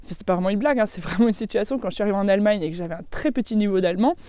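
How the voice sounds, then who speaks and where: A woman from France with a French accent, giving a casual online German lesson, chatting freely and slowing right down to model German phrases. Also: medium pitch, mellow. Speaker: German language teacher.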